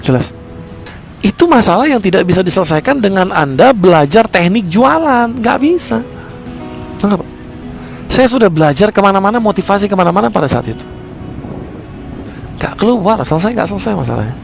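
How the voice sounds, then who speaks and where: Guy coaching sales folks, fairly high voice, punchy rhetorical questions, soft music underneath. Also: big pitch swings, brisk, creaky, pauses often. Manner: emphatic, fires rhetorical questions and answers them. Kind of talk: motivational seminar talk.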